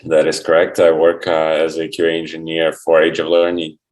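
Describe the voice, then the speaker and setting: Chill guy from ukraine with a really low voice, casual interview talk. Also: fairly quick. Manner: relaxed, friendly, many fillers. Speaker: guest, QA engineer.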